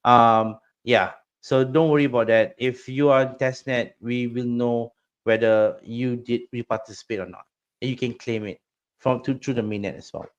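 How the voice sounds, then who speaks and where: A middle-aged man from Singapore chats on a podcast, rambling and excitable, with words that trip over each other. His pitch sits in a plain middle range. He talks casually, as if among friends. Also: moderate pace, clear, resonant tone, lo-fi sound. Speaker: crypto project guest.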